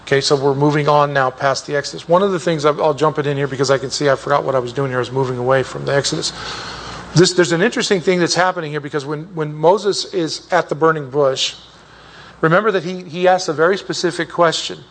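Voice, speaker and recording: A man's voice: fairly high pitch, fairly even intonation, fast talker, a bit bright. A man teaching an informal Bible class, rambling off on side points and restarting his sentences often. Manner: rambling and digressive, with many restarts.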